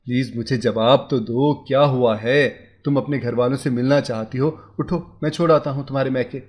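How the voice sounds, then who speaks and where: A man voicing a young husband who worries aloud and gently coaxes his wife in a storybook tale. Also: medium pitch, fairly even intonation, normal speed, natural voice. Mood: coaxing. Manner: anxious musing, soft coaxing. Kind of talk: storybook character voice.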